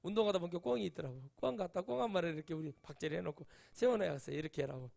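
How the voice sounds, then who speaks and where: A man's voice: high-pitched, rapid-fire, creaky, a little mellow. A middle-aged male pastor giving a sermon, telling chatty stories and rising to emphatic exclamations. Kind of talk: sermon with anecdotes.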